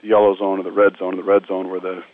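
A man's voice: deep voice, monotone, fast, dry recording. A man earnestly recounting his disaster relief work in a radio interview. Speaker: disaster relief medical team member. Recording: narrow phone-line sound.

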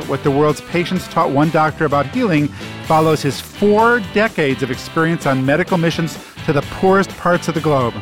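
Teasing, self-mocking male radio co-host. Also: on the high side. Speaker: co-host of a medical radio show. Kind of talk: scripted medical news banter.

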